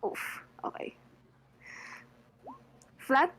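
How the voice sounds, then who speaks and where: A woman playing a tabletop game, speaking slowly and hesitantly. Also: a bit bright, low-quality recording. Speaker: player. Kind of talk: casual play.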